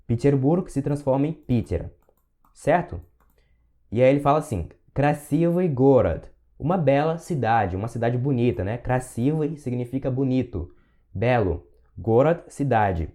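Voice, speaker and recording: A man gives a language lesson in a mellow, dark voice. He talks learners through each word patiently and slows down to repeat phrases so they can copy them. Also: mid-range voice, lively intonation. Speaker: Russian teacher.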